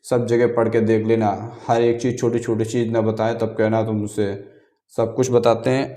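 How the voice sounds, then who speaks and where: A man teaching an exam-prep grammar lesson, repeating key terms slowly and answering his own questions. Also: mid-range voice, warm tone. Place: room, writing on paper.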